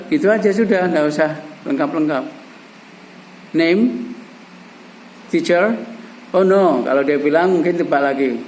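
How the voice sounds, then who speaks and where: Coaxing male teacher, slightly high voice. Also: a little mellow, a little hiss or hum, rough recording. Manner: coaxing, repeats examples and prompts students with questions. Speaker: English teacher. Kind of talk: classroom language lesson.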